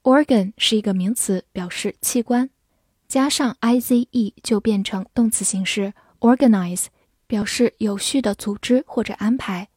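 A woman teaching English words in a scripted lesson, spelling them letter by letter and reading example sentences slowly for the listener to repeat. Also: medium pitch, a little mellow, husky, no echo, studio quality.

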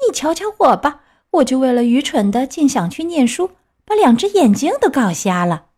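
A cruel, cunning cat speaks in a high, smug voice, preachy and self-satisfied, as a woman reading a storybook puts him on. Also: very animated, normal speed, darkish tone, breathy edge, full character voice. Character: cruel, cunning male cat feigning blindness.

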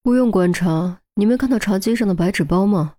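A woman's voice: medium pitch, fairly quick, mellow, close to an everyday voice. A woman voicing a detached young male forensic expert who explains his deductions in a matter-of-fact way. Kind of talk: audiobook character voice.

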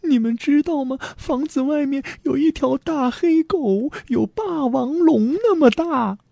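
A man's voice: very high voice, expressive, a little slow, gravelly, dark tone, dry recording, voice pushed up, full character voice. A man voicing a timid, frightened young girl in a children's story. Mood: hushed fear.

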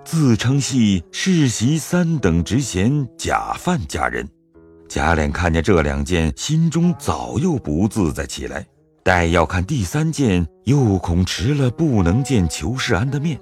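A man narrating an audio drama in a measured storytelling manner. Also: lowish voice, a little mellow.

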